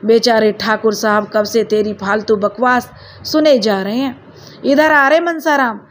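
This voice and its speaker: A woman's voice: a little high, fairly even intonation, a little slow, lightly acted. A woman voicing a scheming older village woman who is harsh and greedy, talking in a coarse, scolding way.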